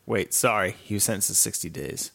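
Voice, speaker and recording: A man co-hosting a casual podcast, reading out a news story and dropping crude, deadpan jokes. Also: fairly low pitch, fairly quick, creaky. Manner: crude, joking, deadpan asides. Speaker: podcast co-host.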